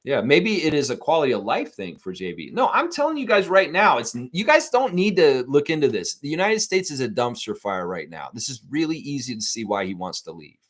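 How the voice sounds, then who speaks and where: A man's voice: mid-range voice, sing-song, brisk, few pauses, fairly bright tone. A man hosting a live sports talk stream, ranting heatedly and swearing a lot while speaking straight to his viewers. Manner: profane, heated, repetitive ranting; addresses viewers directly.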